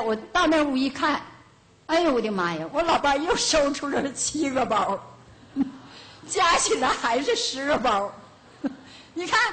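Older lady buddhist teacher, somewhat high voice, chatty homespun stories w/ little laughs. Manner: lively, homespun anecdotes with chuckles. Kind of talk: storytelling dharma talk. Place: lecture hall of a Buddhist centre.

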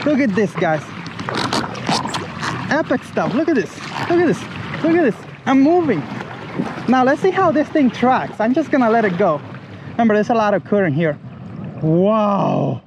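Out on shallow coastal water, a high-voiced man vlogs enthusiastically while demoing a paddleboard kayak he's reviewing, calling out his speed aloud as he paddles. It's a casual outdoor demo captured on action cameras mounted on the board and on shore, with wind and water noise in the background.

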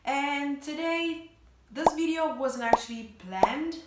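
Sitting on the bed in her small bedroom, an Italian vlogger in her twenties talks casually to camera in a reaction video. Her high-pitched, accented voice takes it slowly, and the recording is very noisy with a roomy, echoey bedroom sound.

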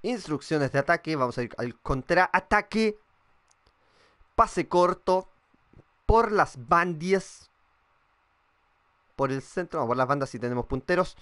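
A young man with a Chilean accent talks loosely over his gameplay, swearing and thinking out loud. His voice sits a little high for a man. He reads viewers' messages aloud between moves. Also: lively intonation, moderate pace, smooth. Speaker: gaming streamer. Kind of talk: live-streamed gameplay chat.

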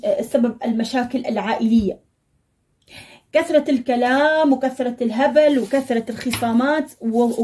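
Woman, tarot reader, fortune-reading monologue, blunt and scolding, husky, mellow, fairly high. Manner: direct, scolding, preachy advice.

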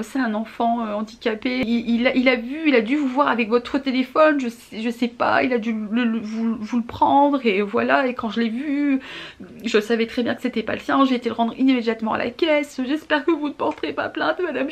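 Brief: worried mother, as a woman plays her, hesitant and stumbling, in a high voice. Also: vocal fry. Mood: anxious. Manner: hesitant, halting, full of fillers. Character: anxious apologetic mother pleading with a stranger.

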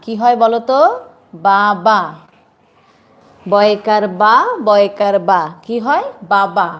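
A woman teacher giving a dictation lesson to young children, spelling words out slowly and often quizzing the class. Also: mid-range voice. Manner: slow, drawn-out spelling with frequent questions to the class. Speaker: nursery teacher.

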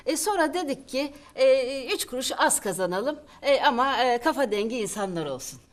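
An actress playing a fussy, long-suffering elderly landlady in a sitcom, halting and repeating her words. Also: high voice, very animated. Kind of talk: sitcom acting.

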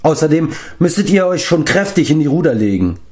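A whiny male giant moans through his woes in a storybook reading, as a man puts him on. The voice sits high and lifts and falls across a wide range. He complains plaintively, begging for pity. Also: sing-song, fairly quick, darkish tone. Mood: self-pitying. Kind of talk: audiobook character reading.

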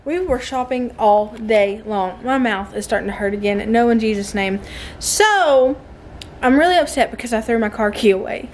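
A young homeschooling mom from the southern United States chats animatedly in her home vlog, laughing often, with a Southern accent and a fairly high voice at a moderate pace. She films on a phone at arm's length, first in the car, then in her mobile home's living room. Slight background noise is audible.

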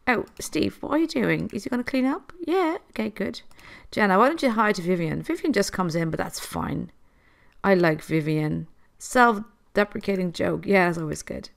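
A woman with a cold hosts casual gameplay commentary, chatting through a life-sim game and talking to its characters. Her medium-pitched voice is gravelly, with lively intonation and a moderate pace.

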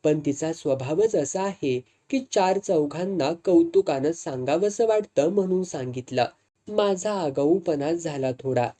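A woman voicing an apologetic, talkative gentleman in a read-aloud story. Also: sits low, animated, measured pace. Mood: sheepish. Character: sheepish, talkative gentleman, grown man.

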